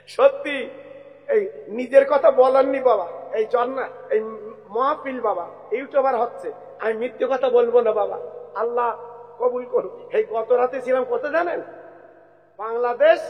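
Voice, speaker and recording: A male preacher with a West Bengal Bengali accent gives a sermon to a big open-air gathering, his voice hoarse and pitched very high. He speaks straight to the crowd and keeps calling on them for takbir. The sound has a long, echoing reverb from the loudspeakers. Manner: addresses crowd directly, calls for takbir chants. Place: large outdoor religious gathering.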